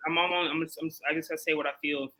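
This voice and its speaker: A man from Chicago, a guest on a boxing interview, talking in a casual, animated way, restarting and repeating himself with many fillers. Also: on the high side, fast talker, low-quality recording.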